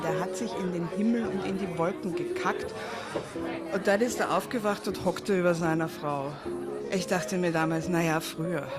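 A person in their forties giving a wry, self-mocking, reflective radio monologue. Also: mid-range voice. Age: 40s. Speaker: narrator.

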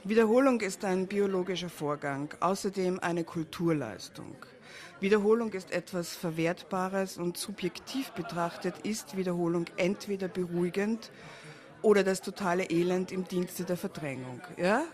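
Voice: mid-range voice, moderate pace, a little mellow. A person in their forties giving a wry, self-mocking, reflective radio monologue. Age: 40s. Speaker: narrator.

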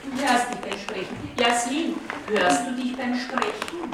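A middle-aged woman with an Austrian accent leads a classroom talk with hard-of-hearing students. She speaks a little high, patiently repeating each answer. The room rings with heavy echo and some background noise. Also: a little slow. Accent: Austrian German. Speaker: teacher.

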